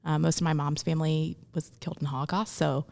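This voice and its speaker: Speaking quickly and flatly, with a low, darkish voice and vocal fry, a young Memphis woman reflects as a guest in a casual interview. She's from Memphis, Tennessee, US, and her speech is full of ums and restarts.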